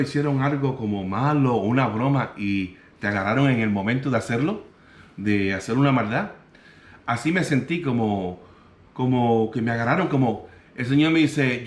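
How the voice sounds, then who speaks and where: A man from Puerto Rico with a Puerto Rican accent, telling a personal story in an animated way and acting out the other people's lines. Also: mid-range voice, normal speed. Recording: roomy echo.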